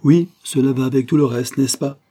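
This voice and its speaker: A man's voice: medium pitch, fairly even intonation, a little fast, dark tone, breathy edge, voice pushed up, close to an everyday voice. A man reading the part of a bitter, impassioned young lawyer husband in an audiobook, pleading and reproachful. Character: brooding young male lawyer, wounded husband.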